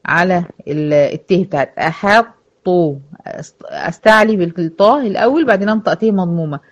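A woman's voice: lowish voice, lively intonation, fairly quick. Egyptian woman, tajweed teacher for a class of girls, patient and questioning, muffled lo-fi sound. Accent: Egyptian Arabic. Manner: patient, asks students questions and answers them herself. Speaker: Quran recitation teacher. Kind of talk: online tajweed lesson to female students.

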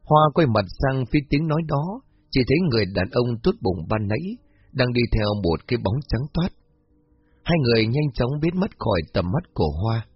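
A man narrating a spooky story in a steady, even storytelling voice. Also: medium pitch, a little fast, slightly rough, dull audio.

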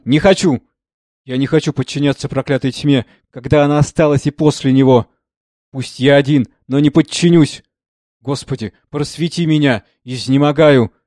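A man's voice: on the high side, a little mellow, no room sound, voice pushed up, close to an everyday voice. Reader doing a tormented man, fervent and trembling, a bit raised, dry. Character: impassioned, tormented man pleading with God.

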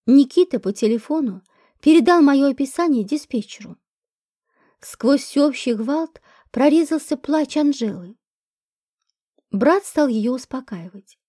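Brief: female audiobook narrator, high but mellow voice, dry close recording, steady first-person read. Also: no room sound.

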